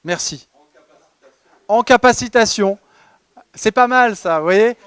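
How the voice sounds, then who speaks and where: Chatty high-voiced French man presenting. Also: slow pace, fairly bright tone, clean tone, dry recording. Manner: ironic, chatty, many fillers and restarts. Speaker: conference presenter. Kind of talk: humorous award presentation. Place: conference hall.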